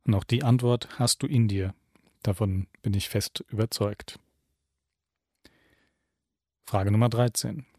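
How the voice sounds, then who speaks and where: A man giving a reflective self-help talk, calmly putting questions straight to the listener. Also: lowish voice, a little slow, long pauses, no room sound, studio quality. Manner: calm, addresses the listener directly with questions.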